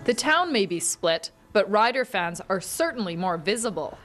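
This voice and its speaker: A woman's voice: mid-range voice, very animated, normal speed, a bit bright, soft background music. A woman with a Canadian accent narrating a scripted TV news report.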